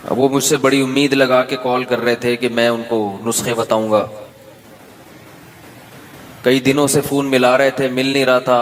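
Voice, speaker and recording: A male preacher speaks in a measured, conversational sermon, now and then addressing people in front of him. His voice carries a long echo through a large hall, with a faint murmur of ambience underneath. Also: mid-range voice. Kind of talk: sermon to a live gathering. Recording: reverberant hall with faint background noise.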